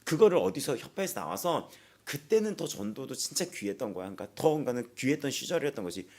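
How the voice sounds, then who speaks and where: Male pastor, early-morning sermon, animated pitch, laughing storyteller, mid-range voice. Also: quick pace. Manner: acts out quoted voices.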